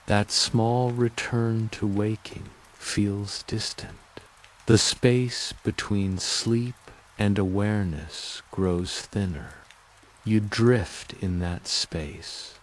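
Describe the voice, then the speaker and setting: A man narrating a bedtime sleep story in a calm, gentle, lulling and soothing way. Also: on the low side, a little hiss or hum.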